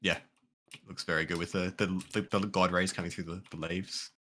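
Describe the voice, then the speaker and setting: Aussie guy gaming chat, really low voice but sharp bright tone, rambles on. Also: little pitch movement, fairly quick, slight background noise. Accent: Australian. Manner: eager, rambling, throws out ideas. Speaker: co-player in a building game.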